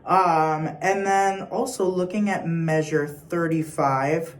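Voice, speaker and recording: Slow-spoken choir teacher in an echoey room. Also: mid-range voice, steady tone. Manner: patient, sings example phrases. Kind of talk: recorded rehearsal instructions.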